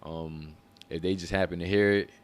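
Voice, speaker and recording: A deep-voiced rapper and musician fields interview questions about his music, keeping a steady tone at a moderate pace. He's laid-back and slangy, with loose phrasing full of fillers.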